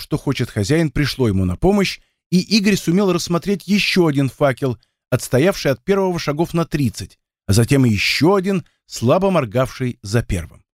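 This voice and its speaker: A man narrating an adventure audiobook with expressive storytelling. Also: on the high side, dry recording, studio quality.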